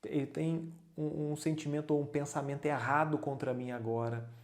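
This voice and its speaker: A man's voice: a little high, level tone, moderate pace. A man preaching a sermon as pastor, speaking the psalmist's prayers in the first person and stacking repeated phrases for emphasis. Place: church.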